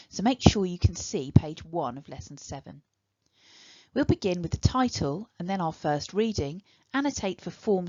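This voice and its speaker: A woman with an English accent teaching a recorded online lesson, giving clear step-by-step instructions. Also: lowish voice, warm tone, no room sound, lo-fi sound.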